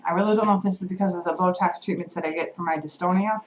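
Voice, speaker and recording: Low-voiced woman talking while chewing. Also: steady tone, slight background noise, low-quality recording. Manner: halting, repeats words, eats while talking. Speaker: vlogger. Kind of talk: casual video diary.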